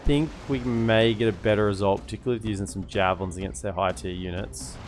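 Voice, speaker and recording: A man's voice: fairly low pitch, fairly even intonation, fast talker. A man giving casual strategy game commentary as a streamer, thinking aloud as he goes. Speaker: gaming streamer. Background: game music.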